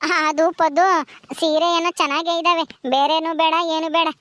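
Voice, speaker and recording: A woman's voice: extremely high pitch, flat delivery, moderate pace, a bit bright, no room sound. A woman playing a humble young housemaid who pours out emotional thanks in a home comedy skit. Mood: tearful.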